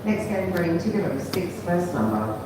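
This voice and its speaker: A woman calls bingo in a formulaic patter, giving each number as digits and then as a whole. Her voice is on the low side and rises and falls widely. It comes from far off in a very reverberant, noisy hall. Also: big pitch swings, moderate pace. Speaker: bingo caller. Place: large echoing hall, heard from far off. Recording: distant, very echoey hall, clear background noise.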